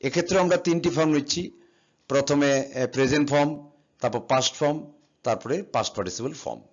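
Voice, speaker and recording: A fast-talking man with a mid-range voice walks a class through English verb forms. He spells words out letter by letter patiently and raises questions only to answer them, and the audio sounds slightly dull and lo-fi.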